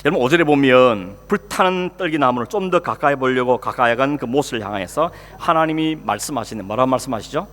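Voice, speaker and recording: A man's voice: medium pitch, lively intonation, a little fast, hardly any pauses, a bit bright. A male pastor preaching a sermon in a conversational way, asking the congregation questions and acting out quoted speech. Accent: Korean. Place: church sanctuary. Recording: long hall reverb, faint hum.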